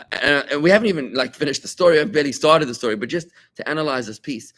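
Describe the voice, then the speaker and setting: A man, a rabbi, teaching a Talmud class to students, animated and full of rhetorical questions, repeating key points for emphasis. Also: medium pitch. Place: study room with students.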